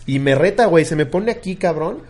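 Animated Mexican man telling a story. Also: fairly high pitch, a little fast. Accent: Mexican Spanish. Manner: animated, profane, acts out voices in his story. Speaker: podcast co-host. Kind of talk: casual storytelling.

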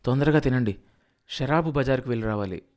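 A man's voice: mid-range voice, a little fast, a little mellow, natural voice. A man voicing an anxious middle-aged village wife who coaxes and snaps at her husband in a storybook reading. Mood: coaxing.

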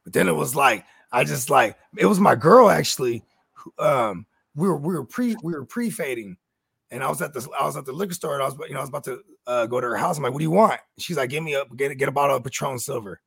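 Gravelly fast-talking man in his thirties. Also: mid-range voice, animated, fairly bright tone, no room sound, studio quality. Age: 30s. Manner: rambling storyteller, fillers like "you know what I mean". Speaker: podcast co-host. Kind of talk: casual chat.

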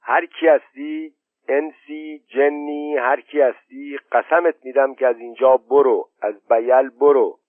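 A man's voice: medium pitch, few pauses, no echo, voice pushed up, natural voice. A man reading aloud voices a superstitious old village woman who calls out insistently. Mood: calling out. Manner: raised, pleading, with calls into the dark. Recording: thin phone-like sound.

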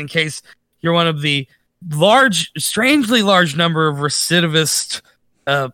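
A man co-hosting a podcast in casual chat, animated and rambling with restarts. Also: high voice, dry recording. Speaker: podcast co-host.

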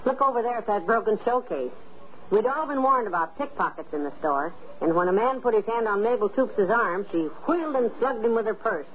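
An actress playing a good-natured, peacemaking wife in old radio comedy, folksy and gently scolding. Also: female voice, a little high, expressive, brisk, lightly acted. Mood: chatty, wry. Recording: noisy, tinny old radio recording.

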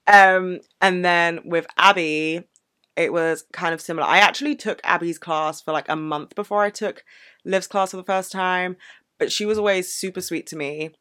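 A woman's voice: on the low side, steady tone, moderate pace, a bit bright, smooth, no room sound, clean studio sound. A woman vlogger telling a personal story in a candid, earnest, casual way. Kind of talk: casual reflective Q&A vlog.

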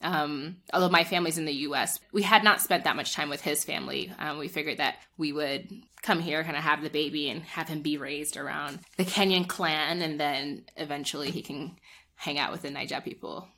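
A low-pitched woman, talking as a guest on a podcast. Her voice has a sharp, forward brightness, and she thinks aloud in a relaxed, reflective way with plenty of fillers. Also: brisk. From United States. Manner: reflective, frequent filler words. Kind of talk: casual conversational interview.

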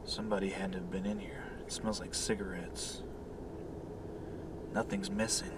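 A man's voice: medium pitch, moderate pace, very noisy, lightly acted. A man playing a jittery, paranoid man in a suspense audio drama, agitated and given to muttering to himself. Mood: uneasy muttering. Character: jittery, paranoid man haunted by an unseen stalker.

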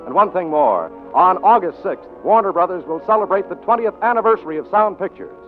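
A man's voice: high-pitched, expressive, a little fast. An American man announcing and reading sponsor copy in a formal, emphatic 1940s radio style. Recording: muffled 1940s radio broadcast with faint music.

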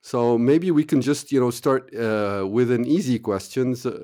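A man's voice: medium pitch, moderate pace, mellow. A man hosting a podcast interview, asking questions in a hesitant, casual way with many fillers. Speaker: podcast host.

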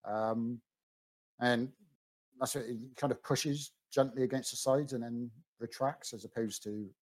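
A man's voice: medium pitch, fairly even intonation, a little slow, low-quality recording. A man narrating as game master of a tabletop game, with frequent ums and restarts. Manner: hesitant, many ums and restarts.

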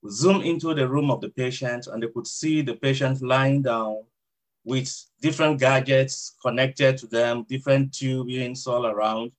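A Nigerian-accented hospital chaplain answers interview questions in a mid-range voice with fairly even intonation. He is reflective and measured, using frequent fillers.

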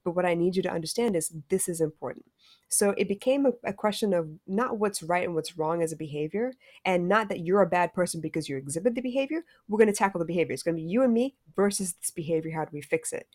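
Middle-aged woman guest, candid storyteller, lowish voice, dry close sound. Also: expressive, fast talker, hardly any pauses, darkish tone, no echo. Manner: frank and reflective, occasional cursing. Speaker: podcast guest, stepmother. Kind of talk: candid storytelling about parenting.

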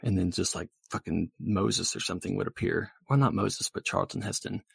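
Brief: male improv performer, very gravelly and husky, rambling crude riffs. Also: sits low, steady tone, normal speed, dry recording. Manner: rambling, profane riffing. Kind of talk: improv comedy.

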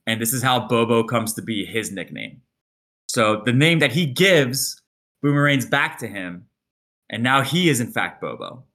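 Guy on a podcast spinning a yarn, bright forceful voice, does little voices for quotes. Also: medium pitch, measured pace. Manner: animated storyteller, acts out quotes. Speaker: podcast co-host. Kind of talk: casual storytelling chat.

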